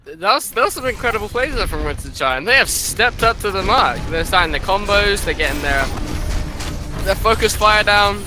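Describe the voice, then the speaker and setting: High-voiced man giving esports analysis. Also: lively intonation, moderate pace. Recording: game music behind the voice.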